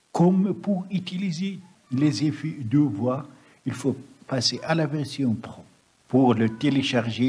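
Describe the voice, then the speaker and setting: A man with a husky, rough voice narrating a step-by-step screen-recording tutorial. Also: mid-range voice. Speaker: software tutorial presenter. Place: voice-over on a computer screen recording.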